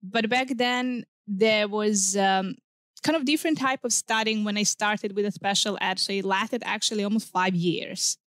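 A woman's voice: medium pitch, a bit bright, no room sound. Serbian-born woman guest, dry close sound. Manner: measured, non-native phrasing. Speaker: guest researcher. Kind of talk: casual interview chat.

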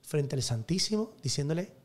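A man's voice: a little high, lively intonation, normal speed. Priest telling his story. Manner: emphatic, storytelling, acts out quoted dialogue. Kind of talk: personal testimony in an interview.

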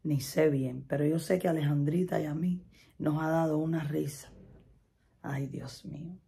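A woman's voice: deep voice, steady tone, normal speed, creaky, dark tone. A middle-aged Spanish-speaking woman telling a chatty personal story, laughing often and repeating herself. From Latin America. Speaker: vlogger.

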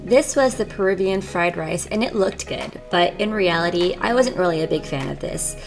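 A woman's voice: lowish voice, animated, normal speed, gravelly. A young woman hosting her own food vlog, chatty and enthusiastic, narrating over background music. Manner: bubbly, enthusiastic food reviewer. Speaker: vlogger host.

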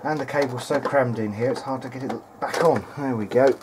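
A hobbyist repairer presents a video diary from an indoor workbench, offering casual hands-on repair commentary while thinking aloud hesitantly. He has a mid-range voice and a brisk pace. Heavy background noise runs throughout.

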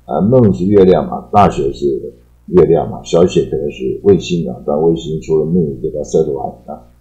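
A man teaching English vocabulary in a casual lesson, with a Taiwanese Mandarin accent, explaining words and padding his sentences with drawn-out fillers and repetition. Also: extremely low pitch, mellow, muffled recording.

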